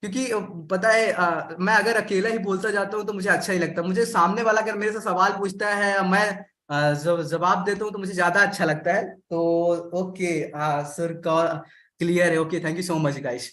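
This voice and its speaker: A man leads a live sales training, acting out customer and seller lines as he talks straight to his audience. His voice sits high and sounds bright and sharp. The room around him is echoey. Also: normal speed, few pauses. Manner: animated, acts out customer and seller lines, addresses audience directly.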